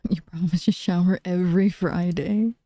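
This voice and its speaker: A woman streamer chatting casually with her live chat in a soft, low-key way. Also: fairly even intonation, moderate pace, dry recording.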